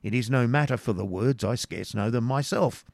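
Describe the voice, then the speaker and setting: Man doing jolly tipsy friar, hearty, booming, slow, storybook, close and dry. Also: creaky, a little mellow, dry recording, natural voice. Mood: jovial. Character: jovial portly male hermit friar, tipsy and boisterous.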